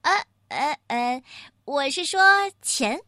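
A woman's voice: sits high, expressive, slow, fairly bright tone, dry recording, studio quality, exaggerated voice. A woman voicing a sly male gorilla bandit who fawns and stammers with many fillers, in a storybook reading. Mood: fawning. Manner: fawning, hesitant, full of fillers.

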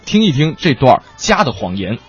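A man hosting a radio variety show, chatting in quick, playful banter, heard as an AM radio broadcast. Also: mid-range voice, big pitch swings, slightly rough, dull audio, soft background music. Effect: AM radio broadcast sound. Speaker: radio host. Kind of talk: lively radio variety chat.

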